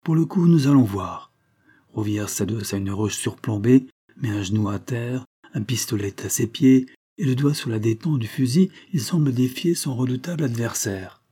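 A man narrating a story as a scripted audiobook reading, with a measured storytelling cadence. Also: medium pitch, expressive, mellow, slightly rough.

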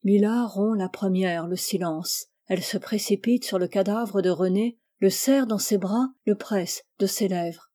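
A woman reading a novel aloud with measured, expressive narration. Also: medium pitch. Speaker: reader.

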